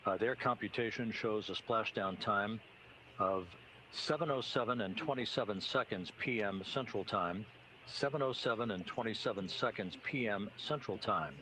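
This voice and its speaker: A man giving official status announcements from mission control over a relayed broadcast feed, measured and halting with frequent "uh"s. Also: lowish voice, pushed and bright, slight background noise, rough recording.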